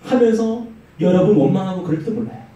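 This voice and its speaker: A youth pastor speaks fast as he preaches a youth sermon in a church hall, animatedly telling stories, acting out quotes, and swinging his pitch. The audio is dull and very echoey, with the mic placed far off.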